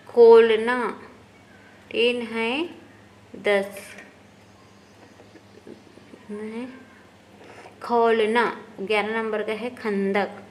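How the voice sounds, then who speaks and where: A woman teacher slowly going through textbook exercises, often asking a question and then answering it herself. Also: a little high, a bit bright, slight background noise. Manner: slow, explanatory, often asks and answers herself. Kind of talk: textbook lesson walkthrough.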